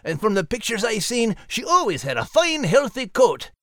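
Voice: mid-range voice, very animated, moderate pace, dry recording, studio quality, natural voice. An actor voicing Max-style cheerful, simple-minded male Scottish dog in a children's audio drama, with hearty, folksy speech.

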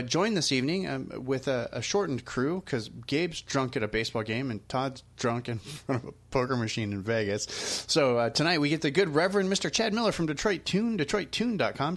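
A man's voice: medium pitch, a bit bright. A man hosting a podcast in a casual, upbeat way, chatting jokily and drawing out announcer-style phrases. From Arizona. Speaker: podcast host.

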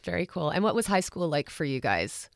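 Low-voiced enthusiastic woman podcast host. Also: big pitch swings, fairly quick, creaky, dry recording, studio quality. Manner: enthusiastic, effusive. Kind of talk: upbeat podcast interview.

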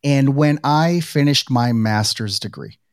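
A man's voice: mid-range voice, measured pace, dry recording, clean studio sound. A middle-aged man hosting a podcast interview, chatting casually with lots of "you know" and "right". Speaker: podcast host. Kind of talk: conversational interview.

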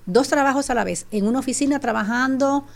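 A middle-aged woman from the Dominican Republic tells her story as a guest in an animated, casual chat, often restarting. She has a Dominican Spanish accent and a high voice with vocal fry, and she talks briskly.

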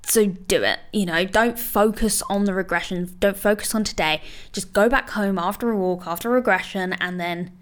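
A woman's voice: mid-range voice, moderate pace, hardly any pauses, clear, resonant tone. Chatty, reassuring woman dog trainer. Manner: chatty, full of "you know" and "like" fillers; reassuring, encouraging. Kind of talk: casual advice monologue.

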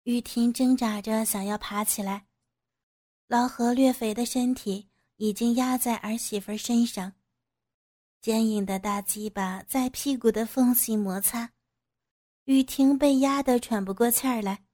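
A woman reading an audio story aloud with steady, even storytelling narration. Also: on the high side, a little slow.

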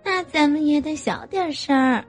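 A woman's voice: high voice, normal speed, soft background music, voice pushed up, lightly acted. A woman voicing a playful young adult younger sister with a coy, whiny teasing tone.

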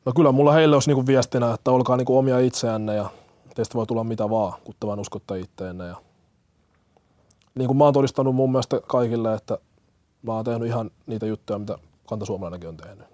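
A man's voice: medium pitch, dark tone, no echo. A young man, a firefighter-paramedic from Kenya, answering interview questions earnestly with many fillers and restarts.

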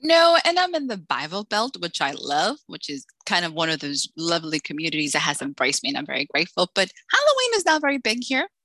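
Bright, animated woman telling funny stories. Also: on the low side, fast, hardly any pauses, no echo. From Dominican Republic. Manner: lively, joking, acts out quoted voices. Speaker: author guest. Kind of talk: casual interview chat.

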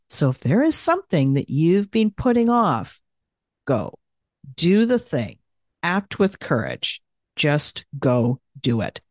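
A woman hosting a solo podcast, giving encouraging advice in a soothing way with slow, emphatic pauses. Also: on the low side, darkish tone, no echo, clean studio sound. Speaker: podcast host and coach.

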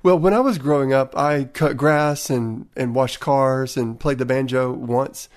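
A man's voice: medium pitch, a little slow, darkish tone. A man with a Southern accent from Tennessee, hosting a sales podcast and interviewing a guest. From Tennessee, USA. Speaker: podcast host.

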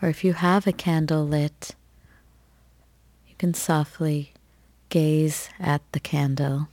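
A woman leads a guided meditation in a low, mellow voice. She speaks very slowly and gently, leaving long pauses between soft, soothing phrases. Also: fairly even intonation, dry recording.

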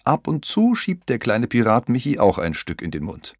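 A man narrates a children's audiobook with expressive storytelling, speaking at medium pitch and a moderate pace. The recording is dry and of studio quality.

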